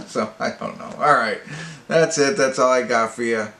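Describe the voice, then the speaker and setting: Medium-pitched, creaky and sharp, this amateur movie reviewer talks at a moderate pace, hosting a casual review and rambling hesitantly as he gropes for words. Echo from the room and faint background noise are audible.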